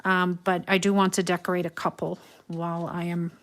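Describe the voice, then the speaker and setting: A Dutch-accented woman from the Netherlands, middle-aged, hosts a live craft tutorial and chats with her viewers in a slow, musing way, often saying "um." Her voice sits fairly low and her delivery is flat.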